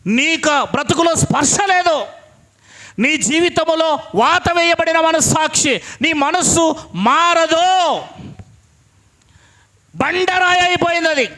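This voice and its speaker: High, bright-voiced pastor preaching hard. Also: male voice. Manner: emphatic preaching with repeated rhetorical questions; scolding, addresses listeners directly. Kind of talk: sermon.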